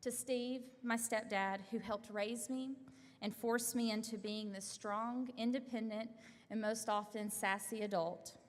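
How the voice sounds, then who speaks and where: A woman's voice: a little high, fairly even intonation, a little slow. A young woman giving an earnest, heartfelt acceptance speech as she receives an award, speaking in a large hall at an awards event. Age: young adult. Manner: earnest, heartfelt thank-yous read from notes. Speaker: award recipient. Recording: long hall reverb.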